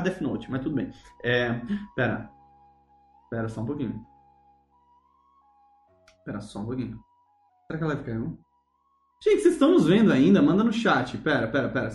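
A man's voice: fairly high pitch, echoey room. A man with a Brazilian accent hosting a live podcast, joking, teasing and reading questions from the chat. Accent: Brazilian Portuguese. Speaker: podcast host.

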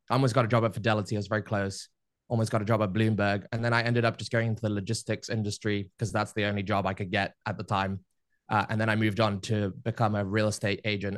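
A man in his thirties, a podcast guest, telling his life story in a relaxed, rambling way with many fillers. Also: lowish voice, no room sound, studio quality. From Spain. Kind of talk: casual interview storytelling.

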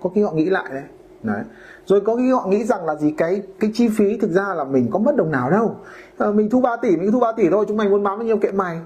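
A man's voice: high-pitched, expressive, fast talker, a little mellow. A man hosting a casual podcast monologue about real estate brokering, talking colloquially and acting out homeowners and brokers in quoted voices.

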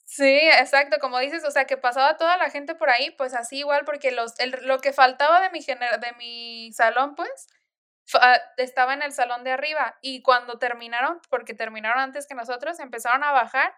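A young woman talks casually and tells stories, laughing often and stacking fillers. Her voice is smooth and clear and sits a little high. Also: a little fast, pushed and bright. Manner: chatty storytelling with frequent laughs and fillers. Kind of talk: casual chat.

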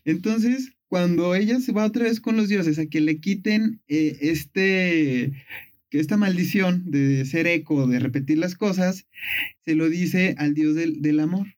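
A man's voice: high voice, measured pace, a little mellow. Playful man telling a myth. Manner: playful, storytelling with lots of fillers. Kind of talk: casual storytelling chat.

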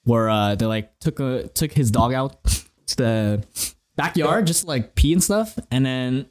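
A young man on a casual podcast, cutting in with quick jokes and slangy remarks. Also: mid-range voice, expressive, darkish tone. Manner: quick joking interjections, loose slangy talk. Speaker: podcast co-host. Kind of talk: casual chat.

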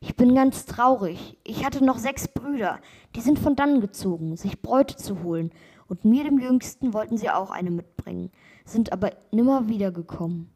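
A woman's voice: on the high side, animated, moderate pace, warm tone, slight background noise. A woman voicing an earnest young journeyman in a read-aloud fairy tale, calling out heartily.

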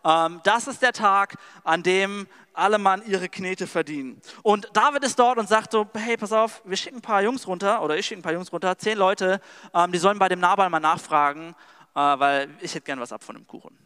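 A man's voice: sits high, fairly quick, pushed and bright, clear, resonant tone, in a large hall. A male preacher giving a sermon. He retells scripture in casual, slangy language and talks straight to the audience. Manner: casual and slangy storytelling, addresses the audience directly.

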